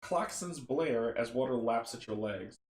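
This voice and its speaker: A man casually chatting and reading a horror board game story aloud, relaxed and rambling. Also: medium pitch, a little slow. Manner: relaxed, rambling, laughs at own slips. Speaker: tabletop game player and narrator. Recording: roomy echo.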